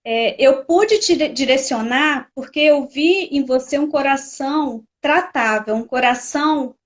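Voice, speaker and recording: Mulher de voz aguda, mentora da igreja. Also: female voice, sits high, unhurried. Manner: affirming, says "amém" often. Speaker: church mentor, co-host. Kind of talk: church talk, affirming.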